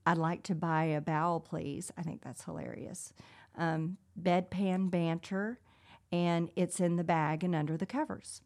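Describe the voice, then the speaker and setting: A woman's voice: fairly low pitch, fairly even intonation, unhurried, a little mellow. A woman co-hosting an interview show, introducing a guest and laughing often. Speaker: co-host, speech pathologist. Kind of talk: talk show introduction and chat.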